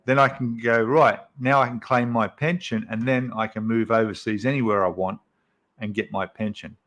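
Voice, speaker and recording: A man's voice: fairly low pitch, steady tone, moderate pace, fairly bright tone. A man, hosting a casual livestream and chatting with viewers in a rambling way with many fillers. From Australia. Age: 50s. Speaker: livestream host.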